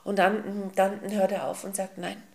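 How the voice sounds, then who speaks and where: A woman with a gravelly, creaky voice delivers a spiritual teaching as a slow, emphatic parable. Her pitch sits in an ordinary middle range. She addresses her listeners tenderly as souls and beloved ones, pausing with soft hums between thoughts. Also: little pitch movement.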